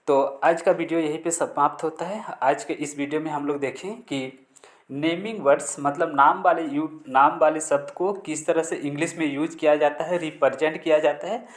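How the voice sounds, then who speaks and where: A man's voice: fairly high pitch, steady tone, moderate pace. A man teaching spoken English in Hindi, saying short English sentences aloud and translating each one.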